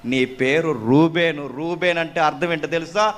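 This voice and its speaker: A male preacher delivering a fiery youth sermon, scolding and rhetorical, shouting at times. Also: on the high side, fairly even intonation, moderate pace.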